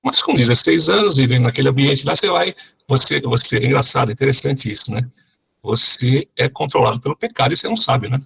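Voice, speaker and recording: A middle-aged man telling his testimony in a sermon, animated and often checking in with the crowd. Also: mid-range voice, fast talker, vocal fry, husky. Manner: animated storyteller, keeps asking the crowd "né?". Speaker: preacher giving testimony.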